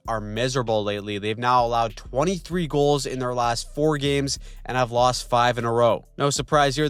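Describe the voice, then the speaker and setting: Snarky young guy doing a hockey recap voiceover, smooth clear voice, dry close mic. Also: mid-range voice, fairly bright tone, no room sound. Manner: wisecracking, snarky, slangy. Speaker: host of a weekly hockey recap channel. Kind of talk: scripted sports recap voice-over.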